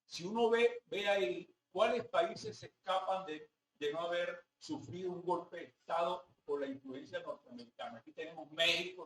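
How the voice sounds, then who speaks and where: High-voiced Venezuelan man lecturing. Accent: Venezuelan Spanish. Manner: conversational, rhetorical asides to the audience. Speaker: professor. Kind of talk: classroom lecture. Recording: roomy hall, mic at a distance, faint background noise.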